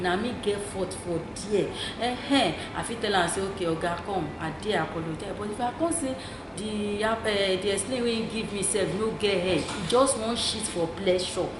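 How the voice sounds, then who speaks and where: Female co-host, Nigerian accent, mid-pitched, insistent conversational advice, noisy recording. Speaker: talk show co-host. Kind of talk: opinionated conversational advice in Pidgin. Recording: echoey room with clear noise.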